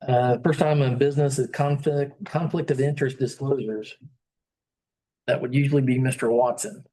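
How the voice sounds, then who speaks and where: A man presiding over a town council meeting, calling agenda items and votes in a relaxed, polite way. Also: medium pitch, low-quality recording. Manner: relaxed and polite, moves items along briskly. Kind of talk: procedural meeting chairing.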